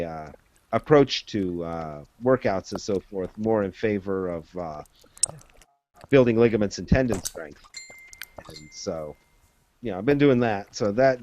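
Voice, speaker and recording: A man's voice: on the low side, a little mellow. A man in casual chat, talking at length with many fillers and laying out his reasoning step by step. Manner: rambling, many fillers, lays out arguments step by step.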